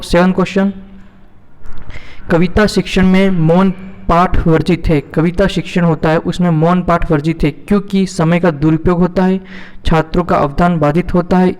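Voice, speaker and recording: High-voiced man teaching with hall reverb. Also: a little mellow, clear, resonant tone. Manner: repeats each question, asks and answers it himself. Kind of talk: exam-prep lesson, reading out and explaining multiple-choice questions.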